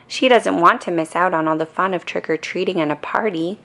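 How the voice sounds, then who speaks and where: A storybook reader, a woman, reads a scripted children's bedtime story at a slightly fast pace. Her low voice has noticeable creak, and she tells the tale in a calm but expressive way.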